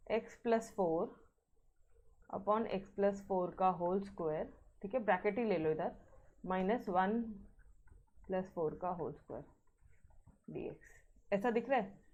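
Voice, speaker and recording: A woman's voice: mid-range voice, takes it slowly, long pauses, darkish tone, muffled recording. A woman teaching a maths class, mixing Hindi with terms, often checking in with her students and sternly reminding them to practise. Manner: mixes Hindi with English terms.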